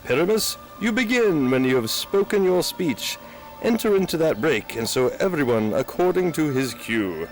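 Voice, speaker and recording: A man's voice: on the high side, sing-song, moderate pace, soft background music, low-quality recording. A man acting a bustling amateur stage director in a home Shakespeare production. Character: Peter Quince, fussy amateur director.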